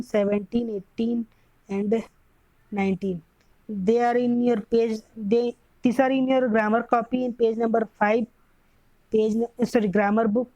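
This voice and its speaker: A young woman teacher with an Indian English accent, giving a grammar lesson slowly, often repeating and correcting herself. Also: fairly high pitch, mellow, dry recording, rough recording.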